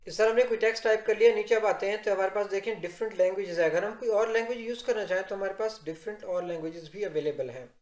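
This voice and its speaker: A man giving a software tutorial, explaining step by step and addressing viewers directly in an instructional narration. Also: high-pitched. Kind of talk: instructional screen-recording narration. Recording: roomy, echoing voice-over.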